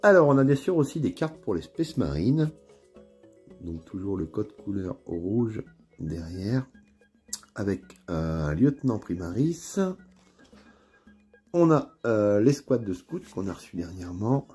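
A man's voice: on the low side, breathy edge. A man with a northern French accent chatting casually through an unboxing video, with plenty of hesitations and fillers. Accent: northern French (Ch'ti). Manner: relaxed, chatty, many fillers and pauses. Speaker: miniatures hobby YouTuber. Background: faint background music.

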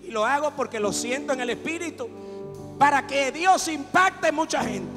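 High-voiced Dominican pastor preaching fervently. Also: male voice, animated, moderate pace. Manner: fervent, rising to exhortation. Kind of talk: sermon with altar call. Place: church service, live. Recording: echoey hall, live worship music.

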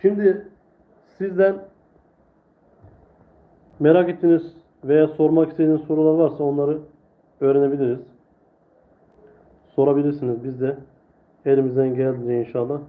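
A man teaching Quran reading in a live online lesson, drilling letter sounds slowly and patiently. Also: fairly high pitch, fairly even intonation. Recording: echoey room, tinny phone-like sound.

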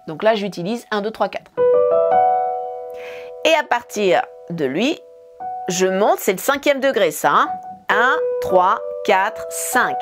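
A woman piano teacher, explaining a scale casually and counting fingerings aloud as she plays. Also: medium pitch. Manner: talks while playing, counts fingerings aloud. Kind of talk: casual demonstration lesson. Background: piano notes.

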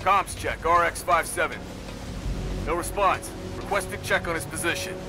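An actor playing an armed guard who reports in with clipped military radio talk through a helmet intercom. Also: male voice, on the high side, normal speed, over music. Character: armed male guard checking in over radio. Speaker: enemy guard. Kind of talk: video game voice acting.

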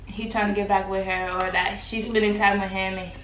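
A woman appearing as a guest on a casual vlog, relaxed and quick to laugh, stating her opinions plainly. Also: medium pitch. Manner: relaxed, laughs easily, speaks her mind. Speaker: guest co-host. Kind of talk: casual chat. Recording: roomy with loud background noise.

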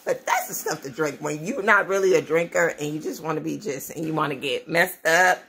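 Speaking a little fast, this 30-something vlogger and mother of many rambles and laughs through a casual chat to camera at home in a small room. Her low-sitting voice is slightly rough with a fairly bright tone.

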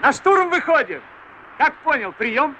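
An actor playing a male mountain climber reporting to base through a crackly field radio transmission, in loud, clipped radio calls. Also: very high-pitched, very animated, unhurried, full character voice. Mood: urgent. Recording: muffled radio sound with hiss.

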